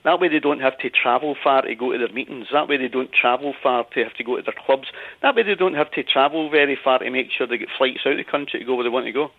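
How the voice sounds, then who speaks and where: A man's voice: mid-range voice, fast, dry recording. A man calling in to a radio phone-in, talking bluntly and emphatically. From Scotland. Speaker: caller. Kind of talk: phone-in debate. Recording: tinny phone line.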